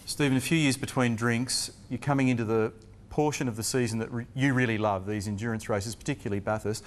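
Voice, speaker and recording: A man's voice: mid-range voice, steady tone, quick pace. An Australian man hosting a televised motorsport interview, upbeat and joking as he presents. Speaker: TV motorsport host. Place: racing team workshop.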